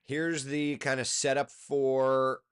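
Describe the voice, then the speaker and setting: A tired TV weatherman hosts a live chat stream, walking through forecast maps and talking to himself as he works in a loose, chatty way. His mid-range voice is clean in tone, with a flat delivery and a slow pace.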